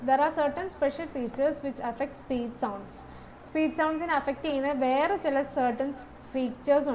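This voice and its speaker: Lady teacher, high voice, explains step by step and keeps asking the students if they got it, faint hum behind. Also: a little mellow, low-quality recording. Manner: mixes English terms into explanation, checks with students. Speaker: English teacher. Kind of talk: online class lecture.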